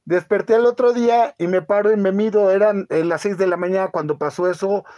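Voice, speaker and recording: A man, hosting a casual live-stream chat and telling a halting story full of fillers. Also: sits high, fairly even intonation, dark tone, highs cut off. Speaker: channel host.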